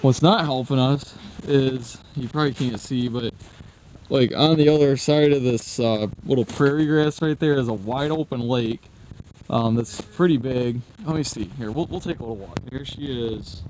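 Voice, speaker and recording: A man gives a casual, off-the-cuff vlog update outdoors. His voice sits at a medium pitch, with clear background noise around it. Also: normal speed, darkish tone, rough recording. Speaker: hunting vlogger. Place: outdoors at a rural hunting spot.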